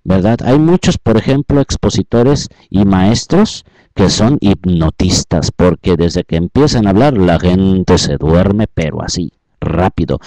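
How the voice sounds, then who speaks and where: Deep-voiced man teaching public speaking. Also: no room sound, low-quality recording. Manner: repetitive, rhetorical questions, varies loudness often. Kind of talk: instructional talk.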